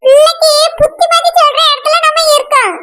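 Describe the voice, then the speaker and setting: A woman's voice: extremely high pitch, steady tone, a little fast, pushed and bright. A woman voicing a stubborn middle-aged village mother who argues insistently, with a Kanyakumari accent. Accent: Kanyakumari Tamil. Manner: pleading then reproachful, insistent. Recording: noisy recording.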